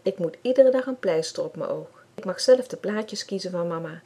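A woman's voice: fairly low pitch, animated, moderate pace, warm tone, slightly rough. A woman reading aloud, voicing a bossy, boastful little girl.

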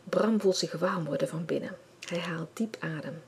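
A woman reading a children's story aloud, calm and clear. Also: on the low side, moderate pace. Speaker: audiobook reader.

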